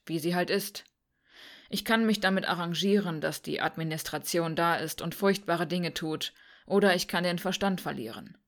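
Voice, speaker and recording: A wry, cynical young man speaks in a calm, dry tone, as a woman narrator reads him. The voice sits a little low. It is an audiobook reading. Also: lightly acted.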